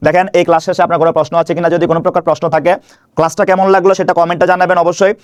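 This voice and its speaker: Man, grammar teacher, very fast talker, keeps asking and answering his own questions. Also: high voice, level tone, no room sound, clean studio sound. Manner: repetitive question-and-answer drilling. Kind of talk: online video lesson. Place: indoor room.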